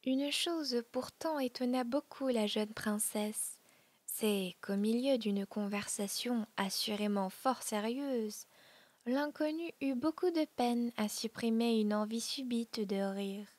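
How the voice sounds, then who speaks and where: A woman narrating a classic novel in a soft, breathy ASMR audiobook reading. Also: a little high, slow pace, no echo. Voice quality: breathy, whispery.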